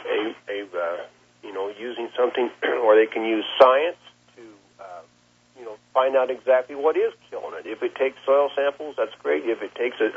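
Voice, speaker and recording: Interviewed over a muffled, lo-fi phone line, this plain-spoken man, a cattle rancher from Nebraska, United States, has a mid-range voice that is husky and rough. He speaks conversationally, halting now and then and repeating himself.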